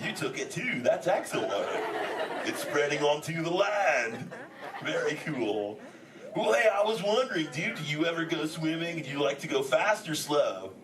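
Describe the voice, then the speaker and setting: Brief: male actor as a chill surfer-slang sea turtle, bantering live with a crowd; pitched a bit high, heard from across an echoey, noisy hall. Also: expressive, normal speed, close to an everyday voice. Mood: excited. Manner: surfer slang, says dude constantly, jokey. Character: laid-back male green sea turtle, surfer dude. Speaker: live character performer talking with an audience. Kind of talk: improvised live audience interaction. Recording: echoey venue from a distance, audience chatter. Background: audience chatter and crowd noise.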